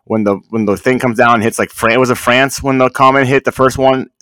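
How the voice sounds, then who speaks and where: A man's voice: mid-range voice, fairly even intonation, a little fast, a bit bright, clear, resonant tone, no echo, studio quality. A man chatting casually on a podcast in slangy, heavily profane speech, calling the listener bro and dude.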